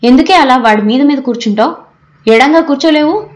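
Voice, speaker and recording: A woman voicing an irritable, anxious middle-aged mother who scolds her family in sharp outbursts, in an audiobook reading. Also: mid-range voice, brisk, lightly acted. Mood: scolding.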